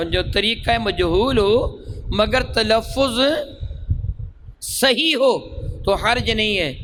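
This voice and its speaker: A man teaching Quran reading in a lesson, stretching sounds out slowly as he demonstrates them and quizzing his listeners. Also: high voice, fairly bright tone, slight background noise, rough recording.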